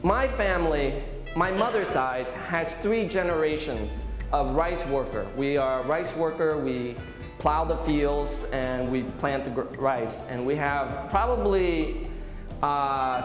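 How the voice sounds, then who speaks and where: A man's voice: on the high side, animated, slow. Vietnamese-accented man telling his story. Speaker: guest speaker. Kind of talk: personal storytelling talk. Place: large classroom. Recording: echoey room with music.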